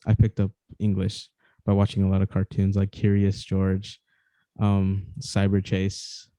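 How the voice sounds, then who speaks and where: A man from Mexico with a very dark, mellow and fairly low voice chats casually on a podcast. He hesitates and restarts often, recorded dry and close. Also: a little slow, no room sound. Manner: relaxed, hesitant, many restarts.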